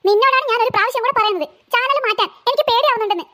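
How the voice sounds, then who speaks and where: A woman's voice: very high-pitched, rapid-fire, bright, forceful tone. A woman voicing a timid little girl in a cartoon who is scared of ghosts and keeps whining and calling for her mother. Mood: whiny. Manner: pleading, whining, calls for mother. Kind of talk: cartoon voice acting.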